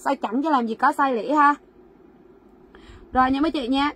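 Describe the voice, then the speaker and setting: Selling goods on a livestream from a warehouse, a woman speaks at a normal speed in a high-pitched, fairly bright voice. Her fast sales patter is repetitive, cycling through sizes and prices while urging viewers to comment with their orders.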